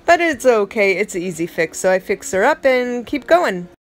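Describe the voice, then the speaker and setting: A woman's voice: medium pitch, sing-song, moderate pace. A middle-aged woman giving a casual, rambling voice-over of her art process, chatty and self-admittedly dramatic. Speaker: art vlogger.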